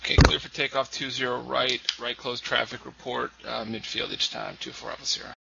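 A male pilot's quick, halting radio calls come through a muffled aviation radio with faint hiss behind them. His voice is very gravelly, sharp and tense. He rattles his readbacks off fast and breaks them with short fillers. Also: medium pitch, steady tone. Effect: pilot heard over an aviation radio. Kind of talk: clipped radio calls to the tower.

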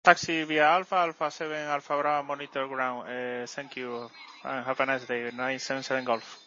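A pilot reading back instructions over an aviation radio in a halting, hesitant manner. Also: mid-range voice, flat delivery, pushed and bright. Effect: aviation radio transmission. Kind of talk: radio readbacks. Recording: noisy, dull lo-fi radio channel.

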